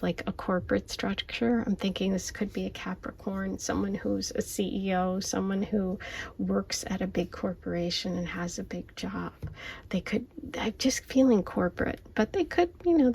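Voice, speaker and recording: A woman reads cards in a soft, mostly unvoiced whisper so she won't wake anyone at home. Her voice is husky and gravelly, and she sounds intuitive and reassuring as she checks in with "okay" and "right". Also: medium pitch. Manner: whispering softly, often unvoiced. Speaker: tarot and oracle card reader. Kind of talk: casual spiritual card reading. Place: home at night, lamp light.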